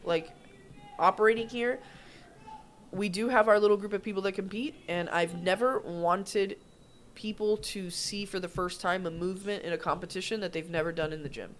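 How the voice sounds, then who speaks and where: A woman's voice: mid-range voice, moderate pace, a little hiss or hum. Chatty woman in her thirties. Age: 30s. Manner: chatty, upbeat, trailing off mid-sentence. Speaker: gym podcast co-host. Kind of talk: casual chat.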